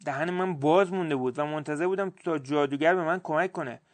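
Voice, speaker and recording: A man narrating a first-person story in a measured, expressive storytelling manner. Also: on the high side, dry recording.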